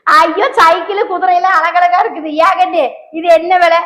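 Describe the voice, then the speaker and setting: A woman's voice: very high voice, flat delivery, moderate pace, reverberant. A woman playing a fussy, doting village mother in a comic sketch, exclaiming and haggling. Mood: fussing. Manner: exclaiming, fussing, bargaining loudly. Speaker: comedy skit actor.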